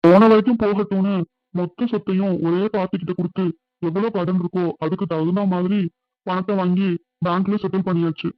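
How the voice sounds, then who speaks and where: In a cartoon dub, a man voices an earnest, middle-aged village family man, his voice fairly high for a man and plainly conversational. He speaks a little fast in a steady tone, lightly acted. The recording is dry, slightly dull, and echo-free, like a lo-fi studio dub.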